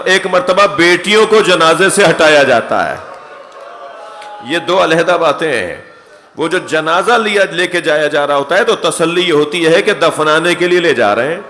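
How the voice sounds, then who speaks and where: A man, a cleric giving a mourning sermon, who tells stories with acted-out quotes and climbs from soft narration to anguished cries. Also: sits high, long reverb tail, a little hiss or hum. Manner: recounts a story, acting out quoted voices. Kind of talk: Muharram majlis sermon.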